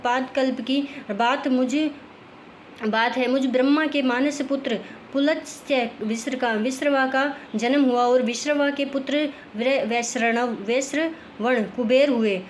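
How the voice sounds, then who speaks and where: A woman reading a scripture story aloud, halting and restarting many words as she goes. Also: high-pitched, a little hiss or hum. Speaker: scripture reader.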